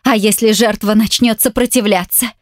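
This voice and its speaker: A woman narrating a first-person audiobook in a tense, measured way. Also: medium pitch, fairly even intonation, no echo, clean studio sound.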